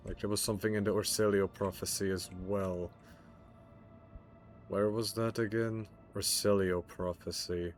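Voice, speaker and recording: A man's voice: lowish voice, level tone, measured pace, faint music behind. A young man livestreaming a game, rambling and stammering as he chats, swears and jokes with his viewers. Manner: rambling, stammering, profane and joking. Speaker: streamer. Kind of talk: casual game livestream chat.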